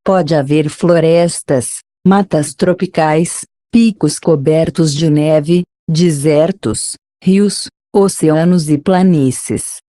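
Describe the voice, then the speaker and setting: Mid-pitched narrator, soft mellow tone, soothing spa-like guided meditation reading, measured, very dry recording. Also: no echo. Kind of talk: scripted narration, audiobook-style reading.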